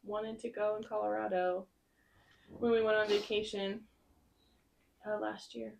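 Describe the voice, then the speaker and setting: A woman co-hosting a casual podcast chat, talking in an animated way and acting out her own thoughts as quotes. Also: medium pitch, a little slow, gravelly, heavy background noise. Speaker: podcast co-host.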